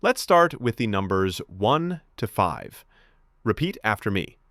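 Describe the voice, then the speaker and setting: A man's voice: fairly low pitch, big pitch swings, a little slow, a bit bright, no echo, clean studio sound. A man teaching a beginner French lesson, encouraging and enunciating each word for students to repeat.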